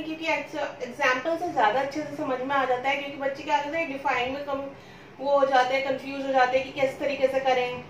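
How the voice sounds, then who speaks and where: Bright-voiced woman teaching in an echoey room. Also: sits high, a little hiss or hum. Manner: repetitive questioning, answers her own questions. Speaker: English teacher. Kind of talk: classroom-style lesson explanation. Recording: roomy echo, speaking from a distance.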